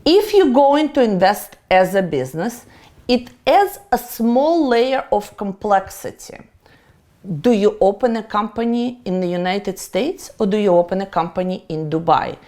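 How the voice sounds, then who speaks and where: A woman's voice: mid-range voice, expressive, unhurried, warm tone. A middle-aged woman from Russia with a Russian accent, a tax accountant giving a playful, emphatic lecture. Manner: playful, self-mocking, emphatic. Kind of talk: presenter lecture to camera.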